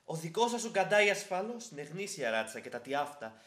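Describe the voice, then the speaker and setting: A man's voice: fairly high pitch, very animated, fairly bright tone, roomy sound. An actor playing an older landowner father who bickers and trades insults, in a stage play. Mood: scornful. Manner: gruff, bickering, quick to insult. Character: blustering old father, landowner.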